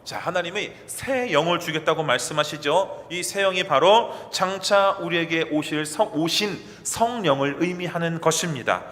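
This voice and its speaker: A man's voice: a little high, moderate pace, few pauses. A male pastor preaching a sermon to his congregation, acting out dialogue and putting questions to the listeners. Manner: lively, acts out quoted dialogue, asks the congregation questions. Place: church sanctuary. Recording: long hall reverb, faint ambient noise.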